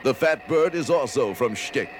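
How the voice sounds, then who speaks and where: A man's voice: mid-range voice, lively intonation, normal speed, noisy background, natural voice. An actor playing a bombastic announcer, a man narrating a superhero radio serial in a mock-dramatic, melodramatic way. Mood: ominous, grandiose. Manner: grandiose, melodramatic.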